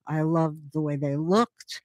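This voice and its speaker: A woman's voice: low-pitched, steady tone, takes it slowly, no echo. A woman chatting on a podcast in a playful, jokey way, prone to silly asides. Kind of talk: casual chat.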